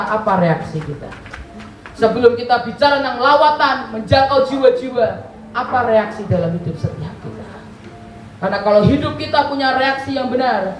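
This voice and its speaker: A high-voiced woman preaches with animated storytelling, throwing questions to the congregation and answering them herself. The sound is roomy and echoey, with the mic some distance away and a faint hiss underneath. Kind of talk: sermon.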